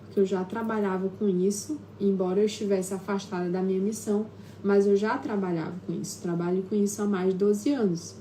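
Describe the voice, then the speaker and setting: Brazilian Portuguese woman, live-stream host and therapist, warm dark timbre, chatty and hesitant, faint background hiss. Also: medium pitch. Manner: conversational, with frequent tag questions and filler hesitations. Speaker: self-healing therapist hosting a live stream. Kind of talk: casual live-stream talk, personal storytelling. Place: at home.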